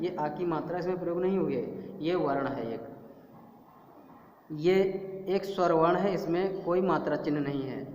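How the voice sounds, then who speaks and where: A man teaching a young class, slowly spelling out syllables and repeating each word. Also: a little high, highs cut off, a little hiss or hum. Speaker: primary school teacher. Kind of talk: slow classroom lesson. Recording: echoey room with long reverb.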